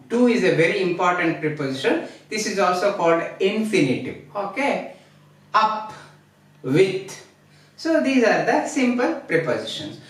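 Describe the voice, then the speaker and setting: A woman from India teaches English grammar at a classroom board in a low-ish voice, speaking slowly and deliberately and repeating each example sentence with frequent fillers. The recording has a roomy echo and sounds distant from the mic.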